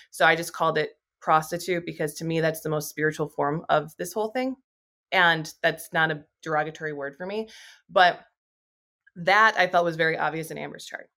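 Slightly low-voiced woman, candid astrologer guest, rambles loosely with lots of fillers. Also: a bit bright. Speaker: astrologer and YouTuber. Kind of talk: casual podcast conversation.

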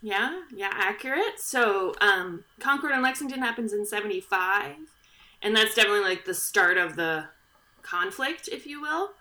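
This podcast host has a mid-range, expressive voice with a sharp tone and moderate pace. Talking into a studio mic, she recounts history casually and playfully, sprinkling in plenty of fillers and side comments.

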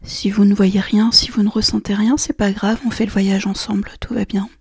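A woman guiding a relaxation and meditation session in a soft, slow, half-whispered voice. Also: medium pitch, level tone, slightly rough, no room sound, studio quality. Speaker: relaxation guide. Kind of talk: guided meditation.

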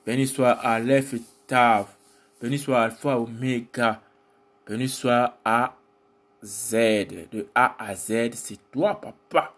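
A man leading spontaneous worship and prayer, fervent, with drawn-out exclamations and chanted litanies of titles. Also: mid-range voice, fairly even intonation, a bit bright. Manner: slow, repeating titles in litany. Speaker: worship leader.

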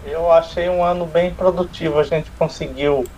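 A man's voice: fairly high pitch, fairly even intonation, normal speed, darkish tone. A man with a Brazilian accent chatting casually as a radio co-host. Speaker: regular radio show co-host. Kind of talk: casual chat. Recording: dull lo-fi sound with faint noise.

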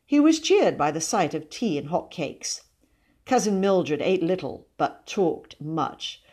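A woman hosting a podcast and reading a children's book aloud in a measured, expressive way. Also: on the low side, slightly rough. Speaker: podcast host and reader.

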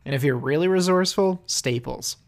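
A young man in a casual podcast chat with a gravelly, fry-heavy voice. He delivers dry deadpan jokes and swears freely, talking in an easy, offhand way. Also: on the high side, fairly quick, a little hiss or hum. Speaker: podcast co-host.

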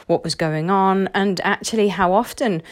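A woman's voice: medium pitch, normal speed. A middle-aged woman speaks as a career coach, winding through a client story in a loose, conversational way, full of ums and restarts. Her voice sits in a middle register for a woman. The sound is close and dry, with no room echo. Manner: chatty storytelling with many fillers and restarts. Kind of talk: casual talking-to-camera advice.

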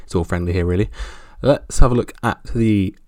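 A man with a gravelly voice hosting a casual sports roundup podcast solo, speaking in a halting, wry way. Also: on the low side, dark tone, no echo, studio quality. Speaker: podcast host.

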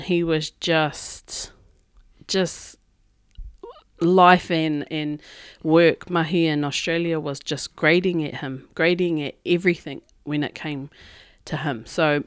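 A woman with a Māori New Zealand accent chats casually as a podcast co-host. Her voice is smooth and clean, in a dry-sounding room. She tells things colloquially, like talk among friends. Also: sits low, no echo. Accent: New Zealand Māori English. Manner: colloquial, chatty storytelling. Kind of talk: casual chat. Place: makeshift setup in hotel room.

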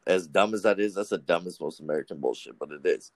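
Deep-voiced man rambling crudely. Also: fast, dry recording. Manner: rambling, crude, animated storytelling. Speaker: podcast guest. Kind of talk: casual profane chat.

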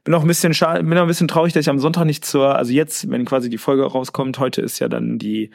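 A young man with a Lower Rhine accent, co-hosting a casual podcast chat, jokey and often trailing off mid-sentence. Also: fairly even intonation, fast talker, creaky. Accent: Lower Rhine German. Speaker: podcast co-host.

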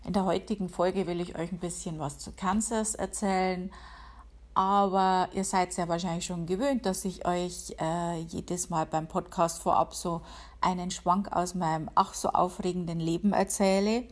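A woman's voice: fairly low pitch, fairly even intonation, a little slow. A woman from the Upper Palatinate, hosting her own podcast from home in a chatty, self-ironic way. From Upper Palatinate, Bavaria, Germany. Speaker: podcast host. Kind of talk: casual solo podcast monologue. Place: home, working from home.

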